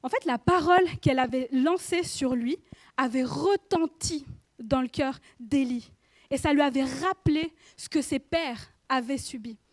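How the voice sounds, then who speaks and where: A woman's voice: high voice, unhurried, dry recording. A woman in her thirties giving an informal sermon in church, chatty and speaking directly to the listener with frequent questions. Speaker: preacher.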